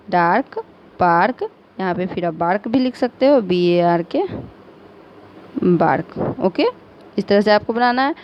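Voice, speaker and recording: A woman teacher with an Indian accent giving a recorded lesson, patiently spelling out words letter by letter and mixing Hindi with English. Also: medium pitch. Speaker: school teacher. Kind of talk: recorded online class lesson. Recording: slightly dull lo-fi audio with faint noise.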